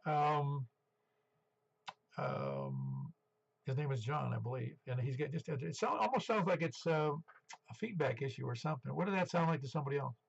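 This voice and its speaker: Older man in his seventies over creaky radio. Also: mid-range voice, big pitch swings, normal speed, a little hiss or hum. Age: 70s. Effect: two-way radio transmission. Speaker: amateur radio net controller. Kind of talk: casual radio net check-in talk. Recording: dull band-limited ham radio audio.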